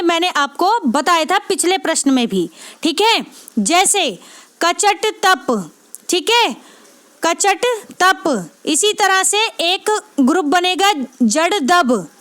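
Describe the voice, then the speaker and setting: Woman teacher, very high voice, repetitive explanatory style, exam-prep lesson. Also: pushed and bright. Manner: repeats points with constant check-ins to the class; asks and answers her own questions.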